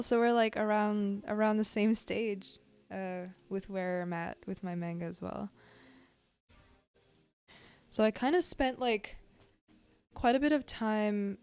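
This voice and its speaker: A woman chatting casually and a little haltingly as she streams her drawing, with an easygoing manner. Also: mid-range voice, darkish tone, clean tone. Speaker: art livestreamer. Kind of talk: casual livestream chat while drawing. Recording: music behind the voice. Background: music.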